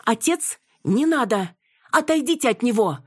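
A woman reader voicing a defiant young daughter, raised in pitch and urgent in manner. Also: very animated, normal speed, husky, dry recording, studio quality. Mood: alarmed. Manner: pleading, then shouting in alarm.

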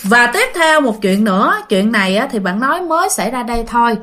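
A woman's voice: on the high side, sing-song, a little fast, a bit bright. A woman with a Southern Vietnamese accent casually telling a ghost story, chatting to listeners with fillers and repeats.

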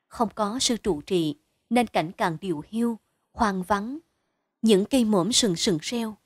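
Woman narrating a short story, measured. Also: medium pitch, husky, no room sound. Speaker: audiobook narrator.

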